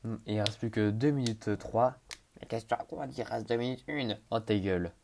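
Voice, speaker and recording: A man's voice: on the low side, normal speed, vocal fry, darkish tone. A young man giving casual gameplay commentary, hesitant with many fillers, talking to himself and breaking into panicked exclamations. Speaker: gaming YouTuber.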